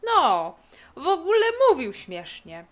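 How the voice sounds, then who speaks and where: A woman voicing a lazy, dreamy boy who talks slowly and sleepily. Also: sits high, wildly swooping pitch, voice pushed up, full character voice. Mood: sleepy drawl.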